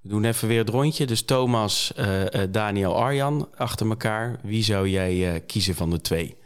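A man's voice: on the low side, normal speed, clean tone. A Dutch man hosting a casual podcast, talking with many fillers and restarts. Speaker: podcast host.

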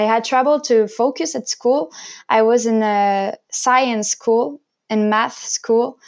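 Young woman speaking careful second-language English, higher voice. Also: darkish tone. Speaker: interview guest, singer and violinist. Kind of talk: personal storytelling in an interview.

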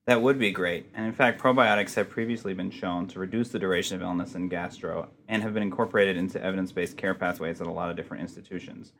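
Low, gravelly man asking quick questions. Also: steady tone, a bit bright, a little hiss or hum. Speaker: interviewer, medical fellow. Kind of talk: interview questions.

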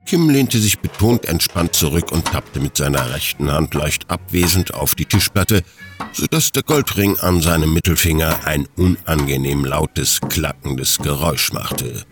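Deep-voiced male storyteller. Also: unhurried, soft background music. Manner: expressive storytelling. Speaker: audiobook narrator. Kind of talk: scripted narration.

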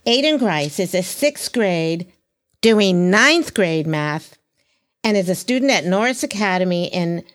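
A woman's voice: fairly low pitch, animated, a little slow. A woman hosting a podcast interview, chatty and enthusiastic, often laughing as she talks. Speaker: podcast host. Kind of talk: casual interview.

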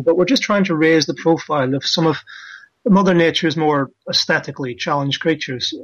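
A man's voice: fairly high pitch, a bit bright. A man, a science presenter, chatting enthusiastically and explaining things in a casual interview over the phone. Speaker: science presenter and comedy night organiser. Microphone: telephone. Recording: dull phone line.

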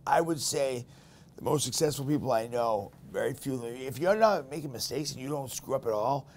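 Speaking fairly quickly in a mid-range voice, this Boston-accented man hosts a podcast and chats casually. He's blunt and candid, spinning animated stories, with a bit of background noise in the recording.

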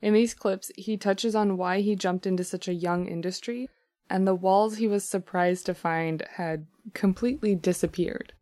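A woman hosting a podcast, giving show announcements and interviewing a guest in an upbeat, clear way. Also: mid-range voice, steady tone, normal speed, dark tone, dry recording. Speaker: podcast host.

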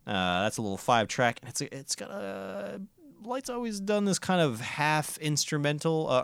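A man's voice: fairly high pitch, creaky, clear, resonant tone, no echo. A man hosting a casual music podcast, reviewing records in an enthusiastic, profane, rambling way.

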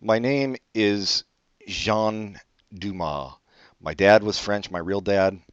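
This podcast co-host speaks slowly in a lowish, clear, resonant voice with no room sound. Born in Brazil and raised in California, he rambles through casual comedic chat with a dry tone and offhand swearing, captured on dull, dry lo-fi audio.

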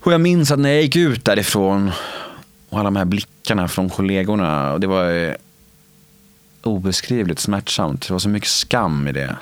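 A man in his late twenties, speaking candidly in an interview, halting with many fillers and restarts. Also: deep voice, lively intonation, no echo.

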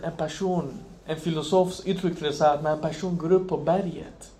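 A man preaching an Islamic sermon, impassioned, swinging from loud emphasis to hushed near-whispers. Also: on the high side, slight background noise.

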